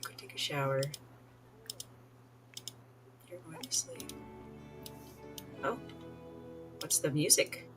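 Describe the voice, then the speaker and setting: A woman's voice: sits low, slow pace, long pauses, over music. A woman streaming a life-sim game, chatting casually, giggling and talking to the characters on screen. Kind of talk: casual gameplay commentary.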